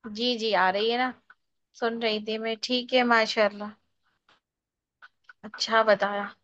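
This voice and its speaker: A woman's voice: fairly high pitch, steady tone, slow pace, a bit bright, muffled recording. A woman teaching Quran recitation in an online class, patiently correcting her students step by step.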